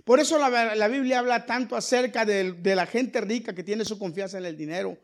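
A high-voiced male pastor delivering a fervent sermon. He swings from loud, urgent exhortation to quiet, hushed asides and keeps putting questions to the congregation. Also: a little fast. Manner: addresses the congregation directly with rhetorical questions.

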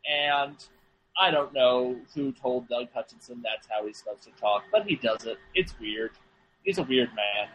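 A man's voice: medium pitch, moderate pace, fairly bright tone, highs cut off, slight background noise. A man co-hosting a casual film podcast, rambling and joking with lots of fillers and restarts. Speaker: podcast co-host.

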